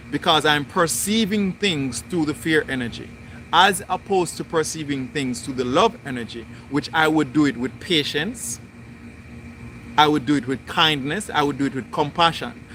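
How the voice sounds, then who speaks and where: A man hosting a spiritual livestream, talking through his thoughts in slow, deliberate, repetitive phrasing. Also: a little high, bright, forceful tone, slight background noise. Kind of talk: reflective spoken monologue.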